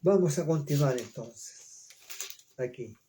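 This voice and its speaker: A man giving a verse-by-verse Bible study, reading Hebrew names slowly and explaining them in Spanish, repeating words and checking in with his listeners. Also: on the high side, animated, mellow, slight background noise. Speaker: Bible teacher.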